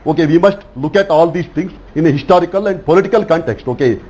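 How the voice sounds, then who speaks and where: A man from South India argues his case as a journalist on a televised news panel. He talks fast, in a husky voice pitched a little high, and pushes his points insistently. He keeps tagging them with "okay?". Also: a little mellow, rough recording. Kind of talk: TV news debate.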